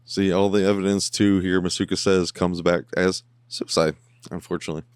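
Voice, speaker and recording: A man hosting a podcast, giving chatty, excitable reaction commentary while watching an episode, swearing casually. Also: low-pitched, fairly quick, clean tone, no room sound, clean studio sound.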